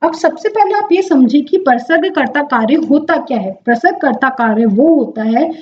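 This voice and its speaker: A woman's voice: high voice, lively intonation, moderate pace, a little mellow, highs cut off, a little hiss or hum. A young woman teaching an exam-prep lesson, explaining step by step, drawing out words and answering her own questions. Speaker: Hindi exam tutor.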